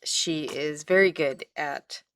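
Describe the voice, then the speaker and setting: Here a Midwestern craft instructor, a middle-aged woman, talks casually while showing a craft, wandering off topic and trailing away mid-sentence. Her voice is deep and she speaks slowly.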